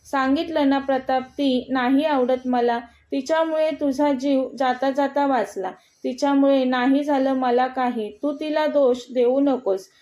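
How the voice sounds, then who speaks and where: A woman's voice: high-pitched, steady tone, a little slow, hardly any pauses, dark tone. A stern domineering mother, as a woman narrator puts her on. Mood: stern, dismissive. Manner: blunt and unapologetic. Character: stern domineering middle-aged mother, disapproving.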